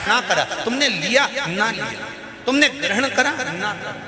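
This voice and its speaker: A man's voice: high voice, expressive, unhurried. A male preacher with a Madhya Pradesh Hindi accent, telling stories and asking the crowd rhetorical questions with folksy asides, on a stage microphone in a large hall. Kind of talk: sermon. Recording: echoey live hall with crowd noise.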